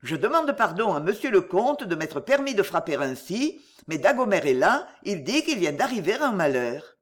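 A reader voicing a deferential household valet with a formal, apologetic manner in an audiobook. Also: male voice, high-pitched, big pitch swings, normal speed.

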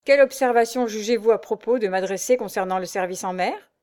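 A woman's voice: mid-range voice, fairly quick, darkish tone, natural voice. A woman voicing a hot-tempered, proud male naval commander who speaks curtly and sarcastically in a read-aloud story. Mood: haughty. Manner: curt, sarcastic, imperious.

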